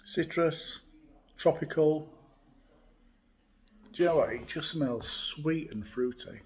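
A man's voice: on the high side, takes it slowly. Guy in his 50s doing a laid back beer review on his phone, lots of ums. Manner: chatty, relaxed, frequent uh fillers. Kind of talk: casual beer review chat. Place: indoors by a window in a hotel room.

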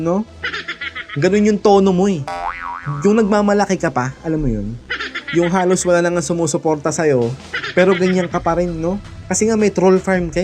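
A man giving a heated, mocking political rant, often laughing scornfully and swearing as he addresses the president and his viewers directly. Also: a little high. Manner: speaks directly to the president and to viewers as "mga idol". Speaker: political vlogger. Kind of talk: ranting political commentary. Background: background music.

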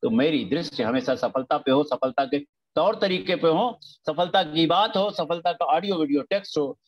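An older man from India gives a spiritual motivational talk with emphatic, repetitive phrasing. He repeats lines like a chant and drops in short English slogans. His voice sits a little on the high side. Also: normal speed, lo-fi sound. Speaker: motivational speaker.

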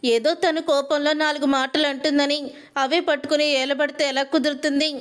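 A woman voicing a patient young daughter-in-law in a spoken story retelling, speaking gently and pleadingly. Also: high-pitched, level tone, moderate pace, natural voice. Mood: gentle.

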